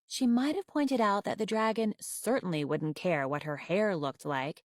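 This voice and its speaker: A woman reading a children's novel aloud with expressive, wry storytelling. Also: fairly low pitch, dry recording, clean studio sound.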